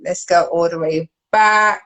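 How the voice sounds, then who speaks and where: A woman's voice: lowish voice, fairly even intonation, unhurried, fairly bright tone, rough recording. A British woman hosting a live online show in casual chat, thinking aloud while reading comments and often laughing, on a video call. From United Kingdom.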